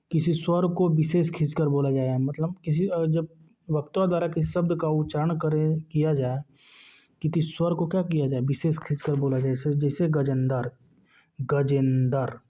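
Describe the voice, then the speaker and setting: A man teaching a lesson at a slightly higher pitch than most men. He asks questions and answers them himself, checking in with his listeners over and over. The recording sounds dull and lo-fi. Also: dark tone. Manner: keeps asking and answering his own questions, repeating "ठीक ना". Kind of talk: classroom lecture.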